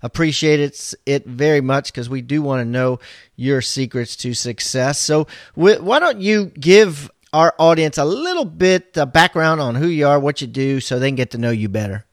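Eager male host, a touch higher-pitched, recorded dry and close. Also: animated, normal speed, no room sound. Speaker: podcast host. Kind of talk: interview chat.

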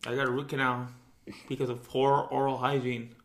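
A man's voice: mid-range voice, little pitch movement, brisk. A man hosting a casual, sweary podcast, his mouth numb from the dentist after a root canal. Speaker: podcast host. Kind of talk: casual podcast chat, profane. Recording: roomy, echoing room sound.

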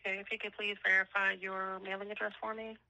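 A woman's voice: mid-range voice, level tone, fast, pushed and bright. A woman working as a call centre agent, handling a customer service call on the telephone. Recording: on a telephone line.

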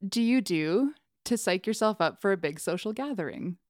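A woman acting as game master and host, upbeat and brisk as she leads the introductions. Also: medium pitch, lively intonation, a little mellow, no room sound, clean studio sound. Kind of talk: hosting casual chat.

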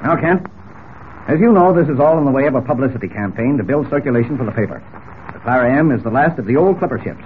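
An actor playing a brusque, bossy older newspaper editor in 1940s radio drama. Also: male voice, medium pitch, lively intonation, quick pace, close to an everyday voice. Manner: blustering, brusque. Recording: tinny old radio recording, faint noise.

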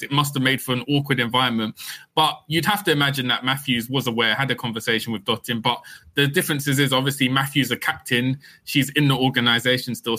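A man co-hosting a casual cricket podcast, talking in a measured, explanatory way. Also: medium pitch, pushed and bright. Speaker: podcast co-host.

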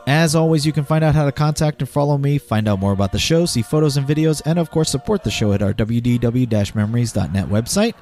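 A man's voice: mid-range voice, darkish tone. A man hosting a podcast, reading a scripted introduction to the listener. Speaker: podcast host. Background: music.

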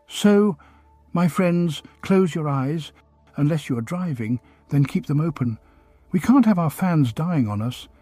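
A man narrating a podcast outro in a theatrical, gently mocking, soothing scripted style. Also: on the high side, slightly rough, no room sound.

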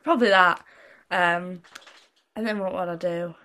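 A woman's voice: lowish voice, fairly even intonation, unhurried, sharp tone. A sixteen-year-old girl from Britain, a young singer answering interview questions in a casual, giggly, rambling way with lots of fillers. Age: teens.

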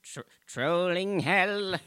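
A man voicing a tiny, crude male forest gnome with a sly, deadpan manner. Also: high voice, very slow, clean tone, no echo, clean studio sound, full character voice. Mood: cheeky. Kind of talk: improvised comedy podcast bit.

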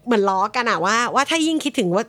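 A woman's voice: a little high, animated, racing, a bit bright, no room sound. A young woman hosting a casual chat, talking bluntly and playfully, acting out people's inner voices. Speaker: podcast host giving breakup advice.

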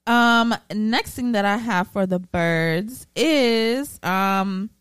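A woman co-hosting a podcast, telling stories in an animated, chatty way with laughs and casual swearing. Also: mid-range voice, very slow, clear, resonant tone, no echo. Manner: animated, chatty storyteller with frequent laughs and profanity. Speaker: podcast co-host. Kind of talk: casual chat.

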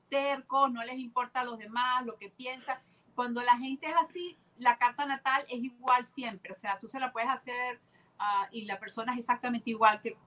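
A woman's voice: a little high, bright, forceful tone, low-quality recording. A woman guest explaining her ideas earnestly and with enthusiasm in casual conversation.

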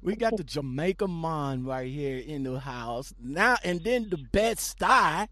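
A man hosting a casual podcast interview, hyping up his guest with excited, repetitive phrasing. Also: on the high side, slow, dry recording. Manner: animated, repetitive hype-man delivery. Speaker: podcast host.

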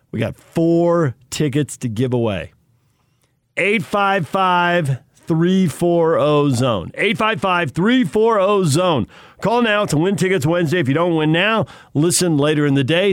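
A man's voice: fairly high pitch, dry recording, studio quality. A male American sports radio host delivering an upbeat contest promo on air.

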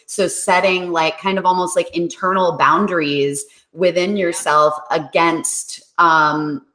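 Low-pitched woman host, relaxed and reflective, echoey room. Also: a little slow. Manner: relaxed, thinks aloud with fillers, reflective. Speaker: podcast host. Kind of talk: casual interview conversation.

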